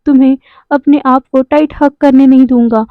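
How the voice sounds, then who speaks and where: A woman voicing a gentle, easily flustered young man, an uncle in a romance story, with a soothing, pleading tone. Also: sits high, steady tone, moderate pace, dry recording, narrow, tinny audio, natural voice. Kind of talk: storytelling voice acting.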